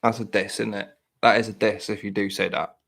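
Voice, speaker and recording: A podcast host in his thirties chats casually, rambling, poking fun at himself, and restarting often. His voice sits on the low side with little pitch movement, and he speaks briskly in a gravelly, slightly bright tone.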